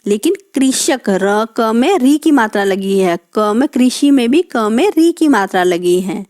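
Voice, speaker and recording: A woman teaching young children in a recorded lesson, repeating each word slowly and asking them questions as she explains. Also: fairly high pitch, expressive, darkish tone. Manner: slow, drawn-out repetition of words for children. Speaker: primary school Hindi teacher.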